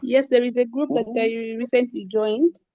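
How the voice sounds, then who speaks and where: A woman from Zambia, a patient, shares her own experience softly on a video call, with frequent fillers. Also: on the high side, fairly even intonation, normal speed, dry recording, highs cut off. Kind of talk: personal account on a webinar.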